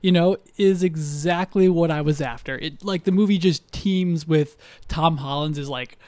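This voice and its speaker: A man's voice: on the high side, a little slow, a little mellow, no echo. A man co-hosting a film podcast, talking loosely with fillers and restarts as he gives his views. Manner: rambling, hesitant, many fillers and restarts. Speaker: podcast co-host. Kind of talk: casual podcast chat.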